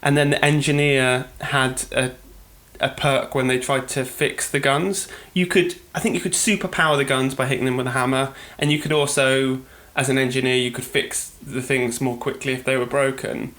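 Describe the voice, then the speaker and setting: A man's voice: medium pitch, fairly even intonation, moderate pace, fairly bright tone. A man from Britain co-hosting a podcast, talking in a rambling, chatty way and often correcting himself mid-sentence. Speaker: podcast co-host. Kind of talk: casual podcast monologue.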